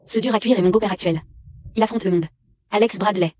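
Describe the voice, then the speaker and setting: A woman's voice: medium pitch, fast talker, dark tone, no room sound, clean studio sound, natural voice. A woman dubbing a scheming young heiress who makes wry, sardonic asides. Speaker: heiress posing as a junior real estate agent. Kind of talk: French dub of a short drama.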